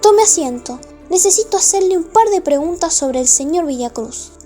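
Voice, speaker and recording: A woman playing a polite, probing male police detective in a formal, measured radio play style. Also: very high-pitched, lively intonation, dark tone, faint music behind, voice pushed up. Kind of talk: amateur radio play acting.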